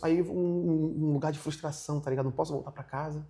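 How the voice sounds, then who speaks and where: A young man tells his story quickly, in a fairly high voice. He talks in a casual, animated way and acts out other people's lines as he goes. It is a relaxed interview setting. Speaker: guest.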